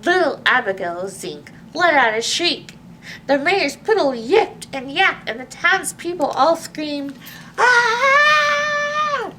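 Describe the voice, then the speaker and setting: Reading a picture book at children's story time, this librarian speaks in a high, expressive, unhurried voice and slips in small asides to her young audience. She's picked up by a distant mic over faint background noise.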